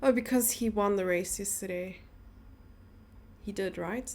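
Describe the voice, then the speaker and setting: A woman's voice: medium pitch, measured pace. A young woman streaming, chatting casually and teasing her viewers as she reads their messages aloud. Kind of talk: casual live-stream chat.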